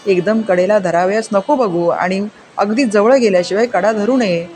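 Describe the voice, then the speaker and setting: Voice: medium pitch, moderate pace, darkish tone, natural voice. A storyteller voicing a friendly young village man who coaxes a boy into swimming, in a storybook reading over faint music. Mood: encouraging. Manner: friendly, reassuring.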